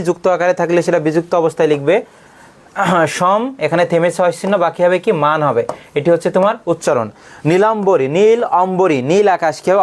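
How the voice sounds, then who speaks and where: High-voiced male grammar coach. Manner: drills by asking questions and answering them himself; clears his throat often. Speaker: Bangla grammar coaching mentor. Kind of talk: online exam-prep class.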